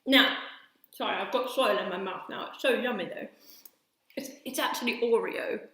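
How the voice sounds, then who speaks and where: A woman presenting a children's church session, playful and giggly, then slow and gentle as she leads a prayer. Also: a little high. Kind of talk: children's talk and guided prayer. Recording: very echoey room.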